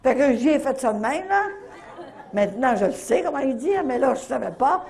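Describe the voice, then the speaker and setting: An older woman with a Canadian French accent telling a faith testimony at a retreat, in a lively storytelling manner full of little verbal tags. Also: high voice, normal speed, gravelly, some chatter behind. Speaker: retreat speaker.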